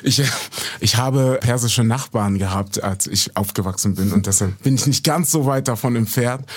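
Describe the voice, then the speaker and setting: A man hosting a podcast interview who introduces his guests and asks them questions in a friendly, measured way. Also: medium pitch, slightly rough. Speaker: podcast host.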